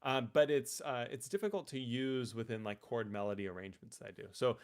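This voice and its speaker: A man teaching ukulele in a casual live-stream Q&A, relaxed and chatty, with lots of ums and restarts. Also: mid-range voice, brisk, clear, resonant tone.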